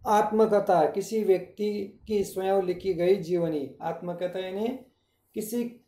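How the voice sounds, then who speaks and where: A man's voice: high voice, warm tone, roomy sound. A male school teacher giving a recorded grammar lesson, explaining step by step and repeating each answer.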